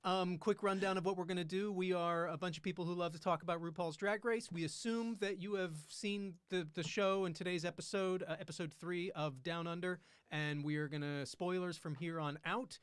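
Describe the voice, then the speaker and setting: A man's voice: high-pitched, steady tone, fairly quick, hardly any pauses, clear, resonant tone, dry recording. Chatty man hosting a casual stream. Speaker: podcast host. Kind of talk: casual livestream chat.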